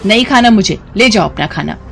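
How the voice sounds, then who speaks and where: Cartoon role: woman voicing a shrill, sneering young sister-in-law, high and loud. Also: expressive, moderate pace, slight background noise, natural voice. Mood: scornful.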